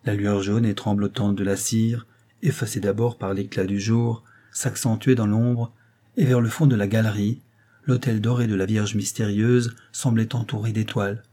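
A man reading a classic novel aloud as an audiobook, in a measured, calm way. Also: lowish voice. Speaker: audiobook reader. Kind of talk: literary audiobook narration.

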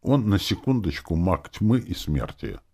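A man's voice: deep voice, big pitch swings, a little slow, darkish tone, breathy edge, voice pushed up, full character voice. A man reading an audiobook, voicing a bold, headstrong young daughter who talks back sharply and mockingly. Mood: defiant.

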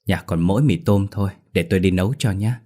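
A man's voice: deep voice, fast talker, warm tone. A man voicing an older village man who speaks plainly and unhurriedly in a ghost story. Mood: explaining. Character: older village man, calm, a little evasive.

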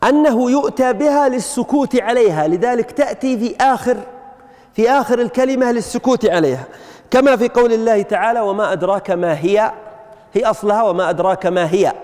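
A high-pitched man teaches grammar to a roomful of students. He often stops to put questions to them. His voice rings out with a long reverb, as in a large lecture hall. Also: darkish tone. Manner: asks the class rhetorical questions, frequent "ha" prompts.

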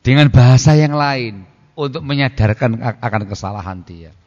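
A man's voice: mid-range voice, normal speed, darkish tone, big-room sound, muffled recording. A man preaching on marriage to an audience, conversational and prodding them with questions, sometimes acting out what a spouse would say. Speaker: Islamic preacher. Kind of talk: religious lecture on marriage.

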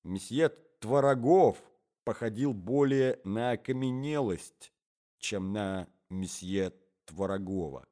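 A man narrating a classic story in an expressive storytelling manner. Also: fairly low pitch, slow. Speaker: audiobook narrator.

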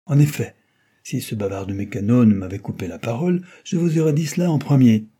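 A man voicing a lively, teasing young woman in an audiobook, with his pitch lifted and a husky tone. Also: moderate pace, lightly acted.

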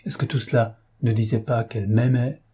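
A man's voice: mid-range voice, steady tone, fairly quick, mellow, breathy edge, close to an everyday voice. A man voicing an anguished, jealous young nobleman who speaks in bitter, passionate outbursts.

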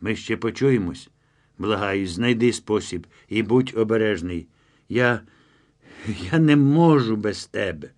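A man's voice: lowish voice, unhurried, close to an everyday voice. Yana, a man voicing an anxious pleading young woman. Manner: pleading, emotional.

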